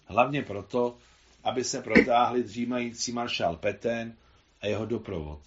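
A man reading his own translation of a novel aloud in a measured literary delivery, on a slightly dull recording. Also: medium pitch.

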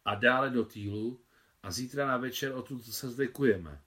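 A man reading the part of a fatherly older army officer who is a keen photographer, in a hearty, brisk manner. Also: medium pitch, sharp tone, natural voice. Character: older male officer, kindly veteran photographer.

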